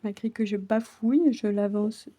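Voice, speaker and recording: While working on her cross-stitch, a woman chats casually, often tripping over her words and slipping into soft whispered asides. Her voice is medium in pitch and her pace is normal.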